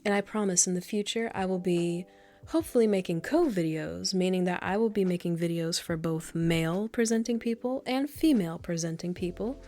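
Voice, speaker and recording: A woman ASMR creator talking in a soft, proper and a little monotone whispered role-play manner, slightly nasal, cooing endearments. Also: lowish voice, a little fast. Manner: coos endearments like darling.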